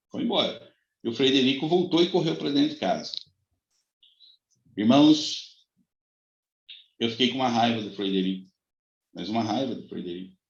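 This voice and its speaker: A man preaching as a pastor, telling a personal testimony with dramatic swings between high cries and soft low passages. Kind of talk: sermon testimony. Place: church. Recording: echoey, dull lo-fi church recording.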